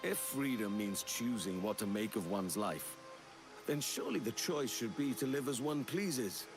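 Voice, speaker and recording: A man's voice: mid-range voice, animated, moderate pace, natural voice. An actor playing a bold, self-assured young male adventurer in a video game. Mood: defiant. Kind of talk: video game character acting. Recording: music playing behind the voice.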